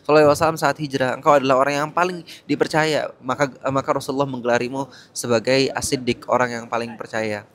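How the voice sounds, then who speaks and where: A man's voice: mid-range voice, fairly even intonation, fast, fairly bright tone, slight background noise, close to an everyday voice. Admiring respectful daughter, read plainly by a male storyteller. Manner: respectful, praising.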